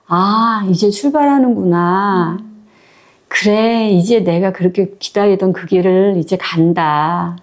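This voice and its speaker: Calm, tender old grandmother near death, slow and soothing, read by a woman storyteller. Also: mid-range voice, close to an everyday voice.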